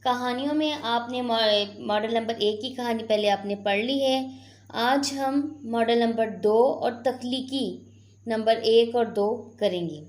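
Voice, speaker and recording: A woman's voice: fairly high pitch, a little slow, reverberant. A woman teaching a class, patiently explaining and asking her students questions. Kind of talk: classroom lesson.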